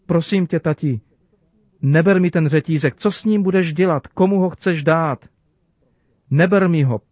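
A man's voice: a little high, a little mellow, no echo, pitched above the performer's own voice, lightly acted. A small girl who dotes on her father begs in a raised, emotional voice, as a man performs her in a storybook telling. The sound is close and dry with no room around it. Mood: pleading. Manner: pleading, emotional.

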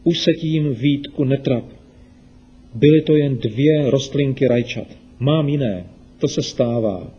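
A man voicing an upset, quick-tempered young boy in a children's radio story. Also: mid-range voice, warm tone, slightly rough, muffled recording. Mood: gentle.

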